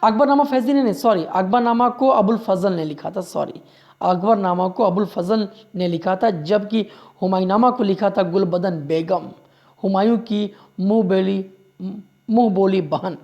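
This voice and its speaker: A man's voice: high-pitched, normal speed, a little mellow, dull audio. Man drilling history facts for exams. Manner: drills facts by repeating them; keeps urging listeners to remember. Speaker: history teacher. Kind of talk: exam-prep lecture.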